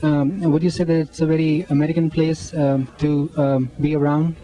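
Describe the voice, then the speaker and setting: A man's voice: a little high, little pitch movement, moderate pace, warm tone, poor audio. A man, hesitantly interviewing shoppers in a mall with a handheld mic. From Pakistan. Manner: hesitant, many ums and restarts. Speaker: street interviewer. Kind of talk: amateur vox-pop interview.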